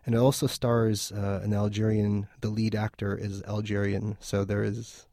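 A man's voice: fairly low pitch, level tone, moderate pace, warm tone, dry recording, studio quality. A man from Lebanon, a film festival organizer, talking thoughtfully in a radio interview with frequent restarts.

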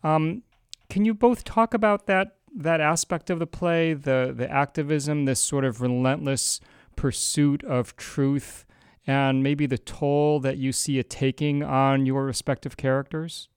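Man, interview host, measured, informative, smooth resonant voice, dry sound. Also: fairly high pitch, fairly even intonation, dry recording. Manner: measured, informative, some fillers. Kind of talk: interview questions with scripted background.

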